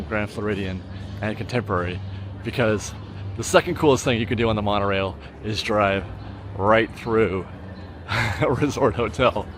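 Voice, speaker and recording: A man giving casual tour narration on location as a vlogger guiding viewers through a ride. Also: fairly low pitch. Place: public transit outing, on location. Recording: loud vehicle and crowd noise.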